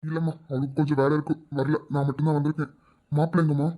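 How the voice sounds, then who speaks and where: A woman voicing a gentle, kindly elder brother in an amateur audio drama. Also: low voice, flat delivery, rapid-fire. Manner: gentle, soft-spoken.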